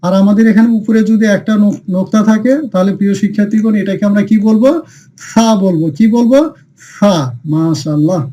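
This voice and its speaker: High-voiced man teaching in a mellow drill. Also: fairly even intonation, fast, muffled recording. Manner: repetitive question-and-answer teaching, answering his own questions. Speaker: Quran teacher. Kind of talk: recorded online class.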